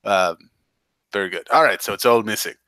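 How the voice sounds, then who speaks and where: A man playing a pompous, bumbling veteran police detective in a tabletop game, halting and overly courteous. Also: on the low side, bright, forceful tone, dry recording. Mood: halting, officious.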